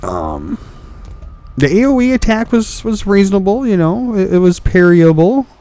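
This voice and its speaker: A man's voice: sits high, big pitch swings, moderate pace, dark tone. A young man hosting a gaming video, ranting in frustration about a boss fight, swearing and restarting his sentences. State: hiccups. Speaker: gaming channel host. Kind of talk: ranting game commentary.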